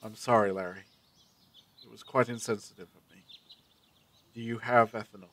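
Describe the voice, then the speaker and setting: A man playing a brisk, secretive time-travelling adventurer in an audio drama, with a commanding, theatrical, abrupt manner. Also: lowish voice, steady tone, fairly bright tone, lightly acted. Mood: grave, insistent.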